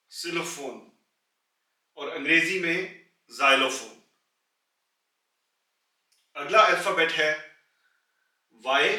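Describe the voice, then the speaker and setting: Slow, bright-voiced male language teacher. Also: a little high, recorded from a distance. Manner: repeats each word slowly and carefully. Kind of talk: slow explanatory language lesson. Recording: echoey room, voice a little off-mic.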